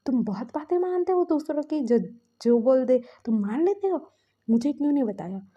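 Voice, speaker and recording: A woman's voice: high-pitched, animated, normal speed, muffled recording. A woman voicing an angry, protective young older brother who scolds and demands answers. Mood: angry scolding.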